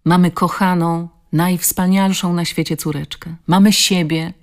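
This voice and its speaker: A woman's voice: fairly low pitch, steady tone, unhurried. A woman voicing a puzzled, loving husband reassuring his wife in an audiobook.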